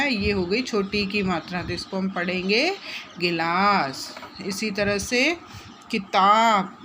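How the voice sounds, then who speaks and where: A woman teaching a phonics lesson to young children, gently repeating and drawing out syllables and asking the class questions. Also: medium pitch, slight background noise. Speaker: primary school teacher.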